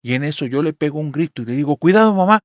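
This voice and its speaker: A man's voice: a little high, steady tone, rapid-fire, warm tone, no echo, clean studio sound. Mexican man telling a horror story. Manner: conversational first-person storytelling, addressing the listener. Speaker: narrator. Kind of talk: storytelling narration of a horror tale.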